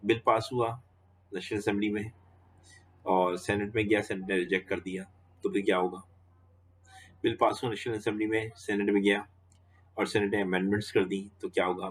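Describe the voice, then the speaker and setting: A man's voice: lowish voice, husky. A man giving a law lecture, walking students through each step and repeating questions back to the class.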